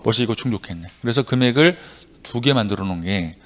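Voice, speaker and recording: A man's voice: lowish voice, quick pace. A middle-aged man teaching tax law to a live class, drilling students and having them repeat phrases for recitation. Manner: animated, jumps between loud and quiet. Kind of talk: classroom lecture. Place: lecture hall with a live class.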